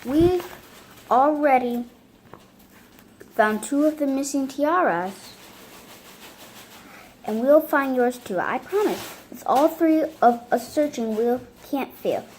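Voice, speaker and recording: A woman's voice: high voice, lively intonation, slow, long pauses, a little mellow, a little hiss or hum, voice pushed up, rough recording. A woman voicing a brave, eager young girl fairy while reading a storybook aloud. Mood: encouraging.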